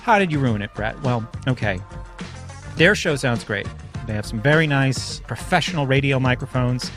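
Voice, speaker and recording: A man's voice: medium pitch, animated, normal speed, music in the background. A man hosting a podcast solo in a casual, conversational and self-deprecating way, speaking into a studio microphone. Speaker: podcast host. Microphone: studio microphone through a mixer.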